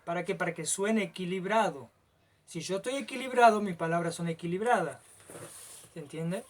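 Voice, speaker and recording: A man, teaching a lecture and often stopping to check that the listener follows, stretching some words out slowly. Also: sits high.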